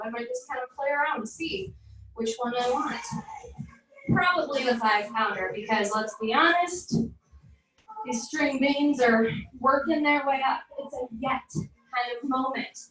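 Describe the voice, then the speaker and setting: A high-voiced young woman leads a barre class, counting reps at an unhurried pace and cheering her students on. She is heard from a distance, and her voice rings around a large, very echoey room. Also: a bit bright. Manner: encouraging, upbeat, counts down reps. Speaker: barre fitness instructor. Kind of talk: guided workout instruction with counting.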